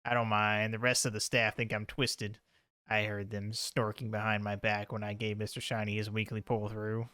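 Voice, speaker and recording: A man reading the lines of an odd hospital janitor who dotes on his machine, slow and earnest. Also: fairly low pitch, monotone, pushed and bright, clean tone, dry recording.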